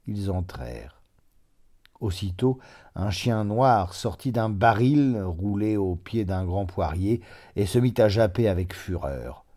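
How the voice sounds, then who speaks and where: A man reading a literary short story aloud in a measured narration. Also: sits low, mellow. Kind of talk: scripted audiobook narration.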